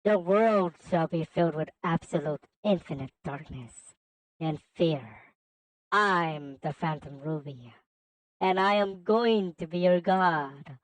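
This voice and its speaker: Infinite, a woman doing a slow gloating villain. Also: fairly low pitch, voice pushed down, rough recording. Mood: menacing. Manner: slow, grandiose threats that break into frantic stammering. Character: cold menacing male villain who calls others worms.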